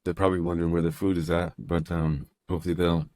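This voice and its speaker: Deep-voiced easygoing male podcast host. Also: little pitch movement, fast, dark tone, no echo, clean studio sound. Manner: easygoing, rambling, reads chat comments aloud. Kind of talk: casual podcast conversation.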